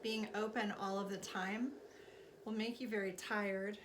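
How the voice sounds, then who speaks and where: Woman leading meditation, even-pitched, noisy recording. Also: a little slow. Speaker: spiritual teacher leading a class. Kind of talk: guided meditation and spiritual instruction. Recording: clearly noisy recording with background ambience.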